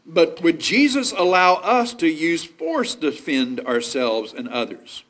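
A man preaching a sermon at a pulpit microphone, explaining scripture point by point in a measured way. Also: fairly high pitch, fairly bright tone.

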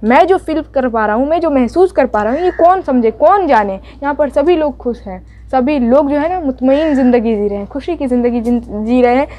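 A woman teacher explaining a poem line by line in a chatty way, reciting the verses more softly. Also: high-pitched, lively intonation, fairly quick, few pauses. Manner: recites verses softly, then paraphrases in plain chat; repetitive, uses fillers like "jo hai na".

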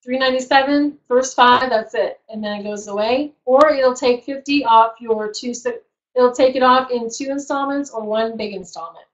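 Upbeat woman pitching, throaty and tired. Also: normal speed, highs cut off. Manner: enthusiastic, repetitive, pitching. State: losing her voice, clearing her throat. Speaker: host of a women's business group. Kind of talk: sales pitch and closing prayer to an audience. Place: event room with a live audience.

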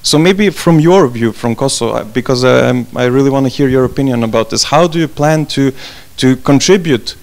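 A man's voice: mid-range voice, fairly quick, vocal fry, hardly any pauses. A man from Serbia, a project assistant, asking a long earnest question from the audience in English, searching for words now and then.

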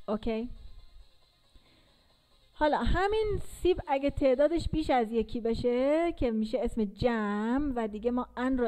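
A woman explains grammar like a patient English teacher. Her voice sits high but has a soft, mellow tone. She repeats sounds slowly so students can follow. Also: poor audio. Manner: patient, repeats and drills pronunciation. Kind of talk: casual classroom explanation.

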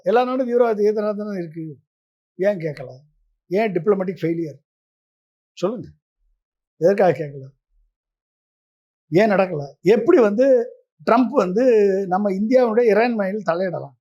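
A man's voice: high voice, darkish tone, highs cut off. A man giving a political interview as the guest, pressing his case with a stream of combative rhetorical questions.

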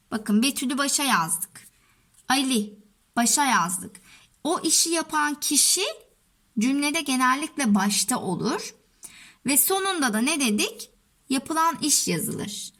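Slow, lively, high-voiced woman teacher. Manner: slow and patient, stressing each word to children. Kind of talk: first-grade lesson explaining a workbook.

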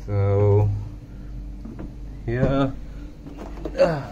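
A man's voice: medium pitch, lively intonation, very slow, muffled recording, noisy background. A young man touring a lifeboat for his vlog, explaining plainly while filming on his phone, with Hindi mixed into his English. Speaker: merchant navy officer vlogger. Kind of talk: casual guided tour vlog. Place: inside a ship's lifeboat. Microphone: handheld phone.

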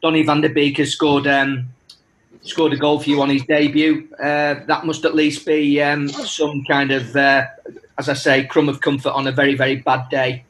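A male reporter asking a halting question over a remote call. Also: a little high, level tone, a bit bright, slight background noise, poor audio. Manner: halting, many fillers. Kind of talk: press conference question.

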